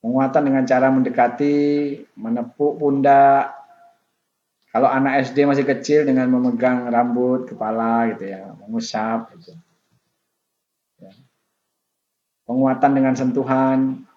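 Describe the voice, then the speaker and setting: A man's voice: mid-range voice, a little slow, long pauses. Man tutoring in a roomy, dull recording. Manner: relaxed explaining with many fillers and repetitions. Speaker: university tutor. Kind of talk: online tutorial lecture. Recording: roomy, dull sound with faint noise.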